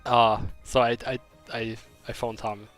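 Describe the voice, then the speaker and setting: A young streamer from Germany, lightly accented, talks a little slowly in a level, somewhat bright mid-range voice. He reads chat and wanders through a story he keeps restarting, while soft music plays underneath.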